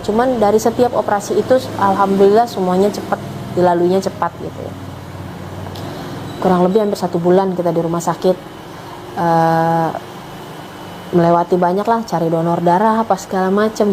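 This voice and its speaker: A woman's voice: mid-range voice, noisy background. A middle-aged woman, earnestly telling her personal story with emotion. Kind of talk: personal testimony.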